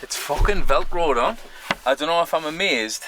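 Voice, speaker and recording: A man's voice: on the high side, animated, moderate pace, noisy background. A man with a moderate Sunderland Mackem accent chatting casually as he vlogs DIY work, blunt, colloquial and sweary. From Sunderland, north-east England. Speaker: camper van vlogger. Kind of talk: casual vlog talk, DIY commentary.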